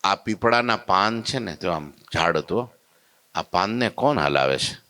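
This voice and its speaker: A compassionate divine master who gives firm, steady orders and calm reassurance, as a male storyteller puts him on. The voice is low and unhurried, with a lilt. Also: heavily acted. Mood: teaching.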